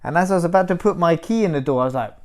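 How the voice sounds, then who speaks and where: A man's voice: fairly high pitch, lively intonation, rapid-fire. Man, casual podcast storytelling, laughs at himself, swears a lot. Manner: laughs at his own story, swears freely.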